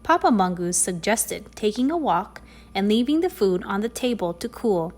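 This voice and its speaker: Woman reading a children's storybook aloud. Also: mid-range voice. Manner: expressive, slows on key phrases. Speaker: storybook reader. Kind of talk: storybook read-aloud narration.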